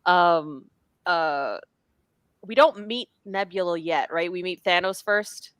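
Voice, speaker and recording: A woman co-hosting a casual pop-culture discussion, talking in a chatty, lively way with many restarts. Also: lowish voice, takes it slowly, clear, resonant tone, no room sound. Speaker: podcast co-host.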